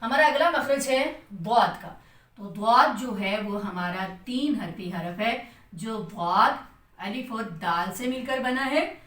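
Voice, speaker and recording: A woman's voice: fairly high pitch, animated, a little slow, a bit bright, roomy sound, far from the mic. A woman with a Pakistani Urdu accent teaching Quran recitation, patiently explaining where a letter is sounded and chanting long demonstrations of it. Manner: patient, repeats "theek hai" to check understanding. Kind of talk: tajweed lesson explaining letter articulation.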